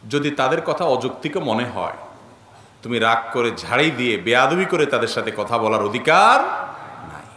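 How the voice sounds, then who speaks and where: A man's voice: fairly high pitch, bright, forceful tone, echoey room, slight background noise. A man preaching a sermon, earnest, often asking his listeners rhetorical questions. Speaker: Islamic preacher.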